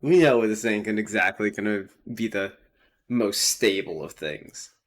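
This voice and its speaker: A man's voice: on the low side, moderate pace. A man co-hosting a casual podcast chat, easygoing in manner. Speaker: podcast co-host.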